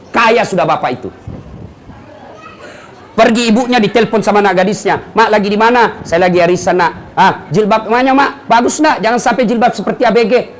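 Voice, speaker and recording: A middle-aged man preaching a lively sermon to an audience, telling stories with jokes and acting out quotes. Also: high-pitched. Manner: animated storytelling with jokes and acted quotes. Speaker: Islamic preacher.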